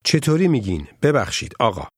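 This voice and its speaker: A man who is a native Persian speaker, narrating a scripted language course as the instructor, in a measured way with prompts to repeat. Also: medium pitch, big pitch swings, breathy edge, dry recording, clean studio sound.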